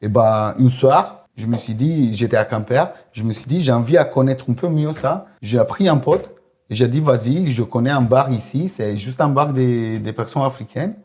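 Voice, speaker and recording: A man from Romania, speaking in a casual podcast chat in a halting way, repeating words and using phrasing. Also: mid-range voice, darkish tone. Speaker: podcast guest.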